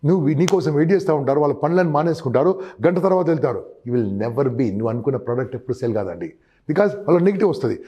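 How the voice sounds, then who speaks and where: Slightly high, mellow and a bit rough, this man's voice delivers forceful sales tips as a guest in an interview. He keeps addressing the listener as "boss" and role-plays conversations with customers.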